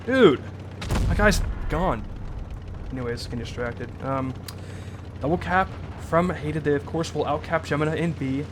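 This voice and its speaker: A man's voice: a little high, steady tone, normal speed, noisy background. A young man giving casual, rambling play-by-play commentary on a tank game match, often correcting himself. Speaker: caster.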